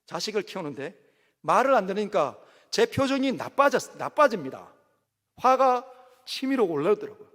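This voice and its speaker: A middle-aged pastor with a high, animated voice, preaching a sermon. He lurches from ringing exclamations to quiet, low asides. His voice trails into a long church reverb. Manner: dramatic, swings between loud exclamations and hushed low asides. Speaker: senior pastor. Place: church sanctuary.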